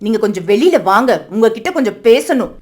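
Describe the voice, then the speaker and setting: A woman's voice: on the high side, lively intonation, quick pace. A woman voicing a greedy, scheming young wife in a cartoon, talking in a nagging, sarcastic way. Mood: scolding. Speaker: elder daughter-in-law. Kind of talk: cartoon voice acting.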